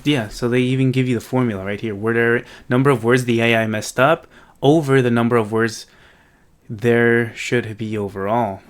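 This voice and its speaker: A man's voice: mid-range voice, fairly even intonation, moderate pace. A man hosting an informal coding video, thinking aloud and often checking in with the viewer as he explains. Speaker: host of a coding project video series. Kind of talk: casual unscripted tech walkthrough.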